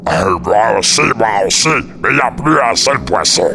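A man voicing a hungry giant turtle monster grumbling gruffly in a children's story. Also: fairly low pitch, big pitch swings, unhurried, sharp tone, full character voice.

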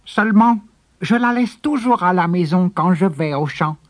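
A man's voice: sits high, animated, normal speed, dry recording, clean studio sound, pitched above the performer's own voice. A man putting on the voice of a crafty, fawning peasant farmer in a storybook. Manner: overly polite, fawning. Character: crafty, bowing, obsequious male peasant farmer.

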